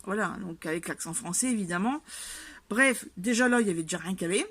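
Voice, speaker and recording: A woman's voice: medium pitch, quick pace, a little hiss or hum. A woman chatting casually in a vlog, rambling with many fillers and restarts and sounding exasperated. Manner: exasperated and animated about the subject. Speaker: vlogger. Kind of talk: casual chat.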